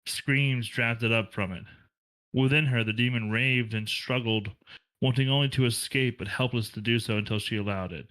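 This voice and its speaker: Guy reading a book out loud, mid-pitched voice, steady, sometimes stumbles and restarts. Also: normal speed, poor audio. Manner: plain, steady read-aloud with occasional slips and restarts. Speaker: book club reader. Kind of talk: reading a novel aloud.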